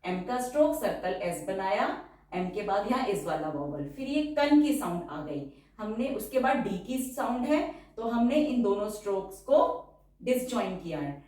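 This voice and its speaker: A woman teaching a shorthand lesson, explaining each stroke step by step and repeating each word slowly to dictate it. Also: medium pitch, very animated, warm tone. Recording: distant, very echoey room.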